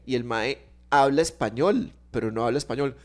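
A man's voice: medium pitch, moderate pace, darkish tone. A young Costa Rican man chatting casually on a podcast, telling a rambling story with restarts and little sound effects. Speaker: podcast co-host. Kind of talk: casual chat.

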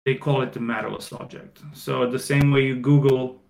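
A man from Croatia in his thirties, a podcast guest talking casually about his startup, with many fillers and pauses. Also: mid-range voice, steady tone, creaky, darkish tone, a little hiss or hum, rough recording. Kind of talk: casual interview answers.

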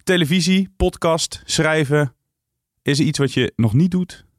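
A man's voice: fairly high pitch, unhurried, no room sound, clean studio sound. A man hosting a podcast in casual chat, easygoing and teasing. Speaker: podcast host.

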